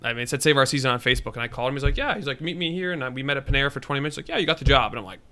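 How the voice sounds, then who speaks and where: A young man hosting a podcast, interviewing his guest in a chatty, relaxed way and often cutting in with his own stories. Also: medium pitch, clear, resonant tone. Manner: chatty, relaxed, quick to jump in. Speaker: podcast host. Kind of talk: casual interview chat.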